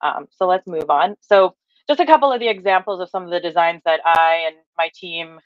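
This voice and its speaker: A woman's voice: on the low side, brisk, dry recording. Chatty woman trainer on a dull video call. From Hawaii. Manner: upbeat and chatty, many fillers, answers the chat aloud. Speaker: workshop trainer. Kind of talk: online training presentation. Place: home office with bookshelves. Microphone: webcam or laptop mic on a video call.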